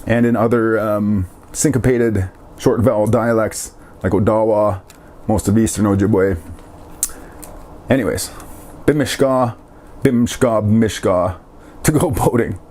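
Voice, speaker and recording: Mellow man teaching words slowly. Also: mid-range voice. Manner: repeats words slowly and jokes lightly. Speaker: language teacher. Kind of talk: casual language lesson.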